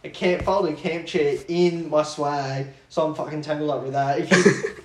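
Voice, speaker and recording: In an echoey room with faint noise, a young Australian man chats casually. His voice is a bit high for a man, and his delivery is blokey, laconic and slangy. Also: fairly even intonation, normal speed. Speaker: podcast guest. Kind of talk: casual chat and anecdote. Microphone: phone lying on table.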